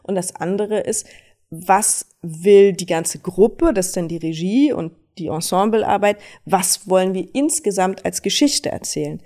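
A woman's voice: mid-range voice, unhurried. A woman, a stage and screen actress, talking casually and emphatically as a podcast guest. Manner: lively, emphatic storytelling. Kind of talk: casual interview chat.

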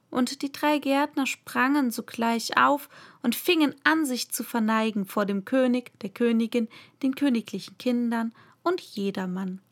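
A woman narrating a classic children's storybook aloud in a slow, even reading voice. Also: fairly high pitch.

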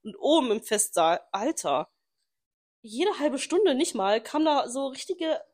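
A young woman co-hosting a casual chat podcast, telling a story with lively acted-out dialogue and frequent laughter. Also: sits high, unhurried. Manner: animated storyteller, acts out quoted dialogue, laughs often. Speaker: podcast co-host.

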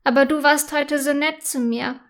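A woman's voice: high-pitched, fairly even intonation, normal speed. A woman voicing a young schoolgirl who teases the other children, then turns timid and sorry, in a children's storybook reading. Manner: mocking, later timid and tearful. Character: mean-then-sorry schoolgirl, third grade.

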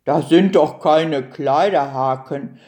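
A woman voicing a placid female cow in a children's storybook, speaking low and matter-of-factly. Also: takes it slowly, dark tone. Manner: low, matter-of-fact, patiently explaining. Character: slow, deep-voiced placid female cow.

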